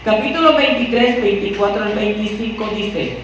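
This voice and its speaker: In an echoey room, picked up from a distance with faint noise, a woman from Puerto Rico preaches a conversational sermon. She speaks with a Puerto Rican accent at a moderate pace and medium pitch, frequently asking her listeners rhetorical questions.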